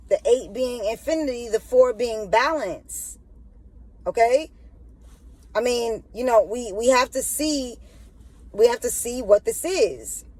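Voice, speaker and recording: On a low-quality recording without room sound, a channel host gives a spiritual monologue in a fairly high, dark voice. The woman stutters throughout and keeps asking "you know what I'm saying."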